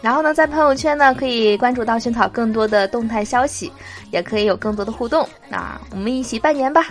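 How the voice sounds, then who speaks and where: A woman's voice: on the high side, fast, faint music behind. A young woman hosting a radio show, reading jokes aloud in a cheerful way and laughing at them.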